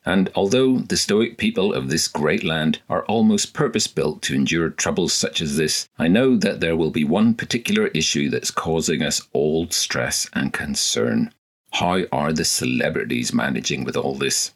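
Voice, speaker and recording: A man playing a pompous, deadpan radio host in a comedy sketch. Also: extremely low pitch, moderate pace, exaggerated voice. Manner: pompous, mock-grand, deadpan.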